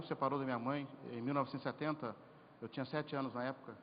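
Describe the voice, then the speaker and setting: Man, lively sermon storytelling, slightly high voice, long hall reverb, dull lo-fi sound. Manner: storytelling, animated, jokes and rhetorical questions. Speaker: preacher at a men's congress. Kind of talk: sermon with personal testimony. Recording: lo-fi hall recording with faint noise.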